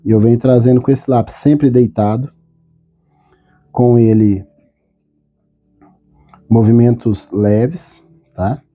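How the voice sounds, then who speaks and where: A man teaching a step-by-step drawing tutorial, calm and patient, often checking in with short questions. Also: mid-range voice, moderate pace, highs cut off, soft background music.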